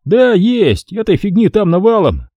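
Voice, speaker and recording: A man's voice: sits high, sing-song, a little slow, dry recording, dull audio, voice pushed up, heavily acted. A man voicing a cheeky, always hungry young soldier who talks while chewing and stays unbothered. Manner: talking with a full mouth, unbothered.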